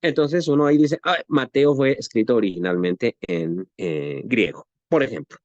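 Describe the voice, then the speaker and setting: A man's voice: mid-range voice, moderate pace, a little mellow, dry recording, lo-fi sound. A man from Guatemala with a western Guatemalan Spanish accent, teaching a Bible lesson in a conversational way, asking rhetorical questions and often adding "¿no?".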